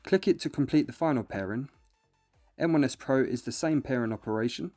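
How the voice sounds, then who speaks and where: Brisk and mellow, a man's mid-range voice carries a scripted product review delivered in an instructional, step-by-step manner. Background music runs as a bed beneath his reading.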